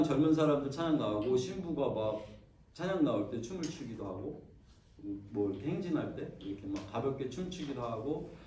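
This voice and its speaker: A man preaching in a loose, chatty way, often pausing on fillers as he talks to a small congregation. His voice is mellow and mid-pitched. It sounds roomy and a little far from the mic, with a faint hiss underneath. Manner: conversational, many pauses and fillers. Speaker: pastor. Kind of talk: informal sermon.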